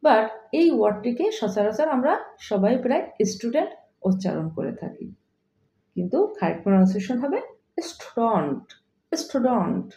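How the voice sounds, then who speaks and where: A woman with a Bangladeshi accent, a native Bengali speaker, teaching English pronunciation, spelling words letter by letter and repeating example sentences slowly. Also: mid-range voice, big pitch swings, vocal fry, warm tone, roomy sound. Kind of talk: pronunciation lesson.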